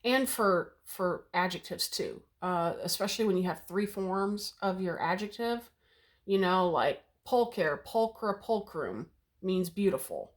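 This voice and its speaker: A woman's voice: lowish voice, expressive, unhurried. A woman giving a casual video lesson at a whiteboard. She chats as she explains, says "okay" often and laughs at her own memory tricks. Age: middle-aged. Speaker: Latin teacher.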